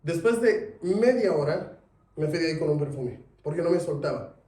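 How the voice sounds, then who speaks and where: A man teaching a sales class, lively, asking his students questions. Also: fairly high pitch, moderate pace. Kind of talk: classroom lecture. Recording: echoey room, mic at a distance.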